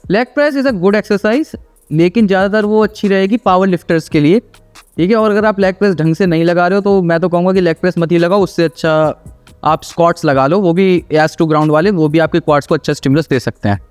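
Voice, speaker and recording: A man with a fairly high voice talks through gym clips in a casual, explanatory way, teasing a little and tagging his points with "theek hai". Soft music plays quietly in the background. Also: brisk, smooth. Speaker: fitness video reactor and host.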